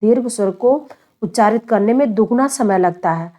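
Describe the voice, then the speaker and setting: A woman's voice: mid-range voice, normal speed, dark tone. A woman teaching a grammar lesson, often asking a question and then answering it herself, and often calling her listeners children. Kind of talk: online Hindi grammar lesson.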